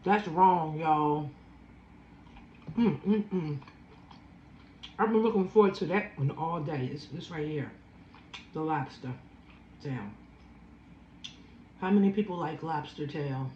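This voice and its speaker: Slow low-voiced woman in her fifties. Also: roomy sound, muffled recording, slight background noise. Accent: Philadelphia. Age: 50s. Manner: slow, savoring, chatty with food sounds. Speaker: food vlogger. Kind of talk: casual eating chat.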